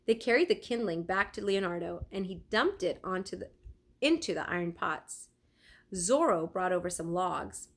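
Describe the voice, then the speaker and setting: With a lowish voice, a woman performs a children's story the way a teacher might, deliberate and full of expression, breaking off to put questions to those listening.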